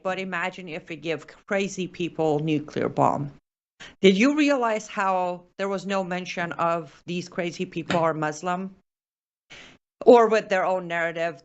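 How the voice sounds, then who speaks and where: A woman with a lowish voice hosts a political commentary show, building her argument point by point with emphatic, pointed sarcasm. The recording's high frequencies are cut off.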